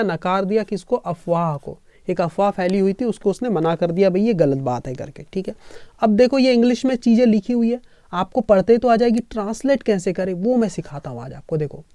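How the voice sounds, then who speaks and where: A man's voice: sits high, darkish tone, no echo. Chatty male English tutor, dry sound. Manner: keeps checking in with listeners, spells words letter by letter slowly. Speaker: English teacher. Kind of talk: explaining a reading lesson.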